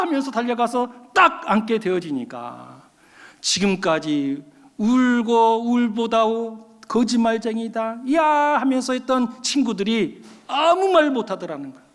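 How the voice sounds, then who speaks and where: A man preaches from the pulpit with a notably high-pitched voice, telling a story with animation and turning often to address his listeners. His words ring out with a long reverb in a church sanctuary. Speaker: pastor. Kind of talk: sermon.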